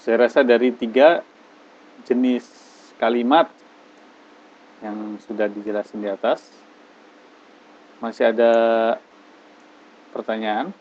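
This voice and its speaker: Slow-spoken male English teacher, lo-fi. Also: medium pitch, steady tone, a little mellow. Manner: slow, patient explaining with drawn-out example phrases. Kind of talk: online class lesson.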